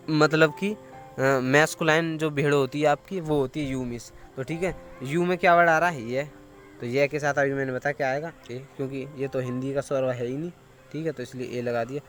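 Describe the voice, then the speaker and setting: Male tutor, fairly high voice, patient step-by-step explaining, faint music under. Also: a bit bright. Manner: explanatory, asks questions, then answers them. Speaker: English teacher. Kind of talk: classroom-style explanation to students.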